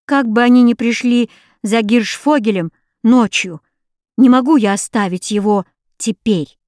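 A woman's voice: a little high, unhurried, a little mellow, dry recording, studio quality, close to an everyday voice. A woman voicing an anguished, defiant young boy in an audiobook, speaking in bitter, pleading outbursts. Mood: stubborn.

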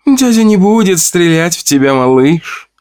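A man's voice: big pitch swings, measured pace. A man voicing a bold young woman who tames monsters. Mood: soothing. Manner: high, solemn and insistent.

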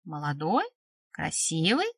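Woman reading as a young female friend, sly, teasing, giggly, middle pitch, dry recording. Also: very animated, moderate pace, no room sound.

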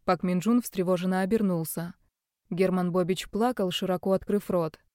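A woman's voice: fairly low pitch, fairly even intonation, moderate pace, mellow, no echo. Woman reading an audiobook, dry sound. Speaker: audiobook narrator. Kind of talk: scripted narration.

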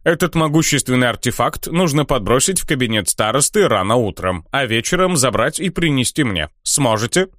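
A man voicing a cunning male fox who leads bandits, calm and commanding. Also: medium pitch, a little fast, hardly any pauses, no room sound, studio quality, lightly acted. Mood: scheming.

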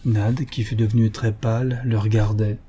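A man reading an adventure novel aloud in a steady, measured narration. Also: on the low side, slightly rough. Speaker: audiobook narrator. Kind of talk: scripted narration.

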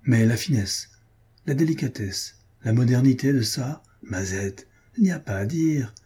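A man's voice: mid-range voice, a little slow, dark tone, husky. A man voicing a grief-stricken male painter, obsessive and volatile, with a feverish, exclamatory way of speaking. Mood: rapt, murmuring.

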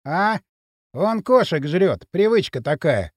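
A man reading an audiobook, voicing an easygoing young guy who speaks slowly and offhandedly. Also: high-pitched, sing-song, no room sound, clean studio sound, heavily acted. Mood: lazy. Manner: unhurried, offhand. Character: easygoing young male driver, lazy. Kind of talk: audiobook character voice.

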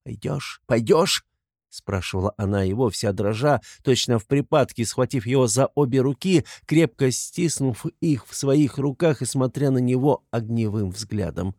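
A man narrating a classic novel as an audiobook in a measured, subdued reading. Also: medium pitch, mellow, dry recording, clean studio sound.

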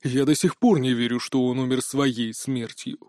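A man voicing a calm, dismissive ancient male god, low and gruff. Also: normal speed, dry recording, clean studio sound, lightly acted. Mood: grim.

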